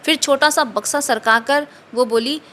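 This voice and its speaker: A woman storyteller reading a literary short story aloud in a steady, measured way. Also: high voice, slight background noise.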